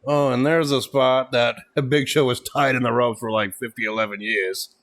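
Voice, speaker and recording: A man's voice: mid-range voice, fairly even intonation, normal speed, fairly bright tone. A man casually reviewing a wrestling event, rambling with lots of fillers and frequent laughs. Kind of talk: casual podcast chat.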